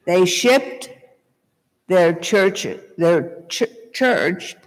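An older woman preaching a sermon from a church pulpit, telling a story at a deliberate pace. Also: lowish voice. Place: small church, indoors, at a pulpit. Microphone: gooseneck pulpit mic. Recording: long church reverb. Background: reverberant church hall.

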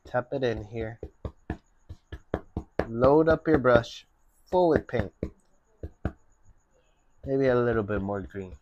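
A young man giving a relaxed, step-by-step painting lesson at his easel. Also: mid-range voice, muffled recording, noisy background. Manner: slow, relaxed step-by-step instruction. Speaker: painting instructor. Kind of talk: painting tutorial.

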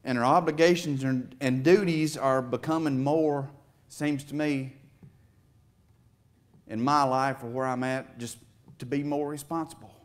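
This middle-aged preacher shares a heartfelt testimony from a church stage, rising in emphatic swells with emotion underneath. He speaks at medium pitch, a little slowly, with fairly even intonation, recorded by a far camera.

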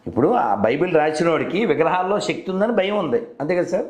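An animated man on the higher side of the pitch range talks rapidly during a phone call. He hosts the debate in a conversational way, relentlessly probing with leading questions. The recording has a roomy, echoey quality.

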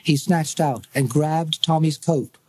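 A British man reading a novel aloud in measured, dramatic storytelling. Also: a little high, warm tone, slightly rough. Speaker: audiobook narrator. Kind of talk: scripted narration.

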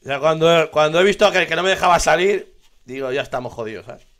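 A man with a Spain Spanish accent giving live gameplay commentary, excitable, swearing constantly and laughing often. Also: on the high side, a little fast. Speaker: gaming streamer.

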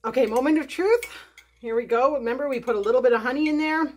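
Fast and high-pitched yet darkish in tone, this woman's voice comes with a bit of hiss or hum. She hosts a homesteading cooking video from her home kitchen, chatting in an upbeat, casual way and thinking aloud as she cooks.

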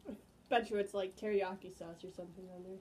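A woman hosting a food-tasting vlog in casual chat, giggly and quick to scold her co-host. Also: medium pitch, fairly even intonation, darkish tone, a little hiss or hum.

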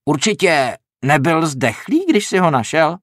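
Calm, mocking traveller, as a man reads him. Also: fairly high pitch, no echo, studio quality, lightly acted. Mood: teasing. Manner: calm, soft-spoken, teasing. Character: calm, sly, mocking male traveller posing as a farmer.

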